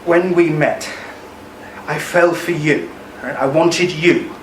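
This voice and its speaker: Speaking slowly in a slightly high voice, the actor plays an aging ex-army husband who still mourns a lost love, hesitant, haunted and bitter. It's an amateur radio play captured on a distant mic in a roomy space with faint noise.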